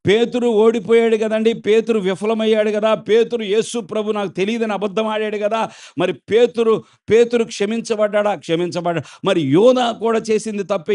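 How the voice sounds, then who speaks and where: Male pastor, high voice, lively preaching that asks the congregation for answers. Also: moderate pace. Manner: animated, questions the congregation and acts out quotes. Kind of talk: sermon.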